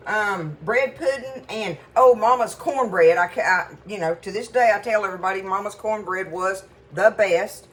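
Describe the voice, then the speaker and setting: A woman's voice: medium pitch, low-quality recording. Chatty woman cooking at home. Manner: chatty, folksy, rambling storytelling. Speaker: cooking show host. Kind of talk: casual cooking demonstration. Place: home kitchen.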